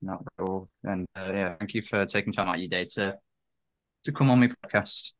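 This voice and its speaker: A man's voice: low voice, a little fast, no echo. A young man hosting a podcast, asking loose, rambling questions with many restarts. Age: young adult. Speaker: podcast host. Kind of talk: casual interview questions.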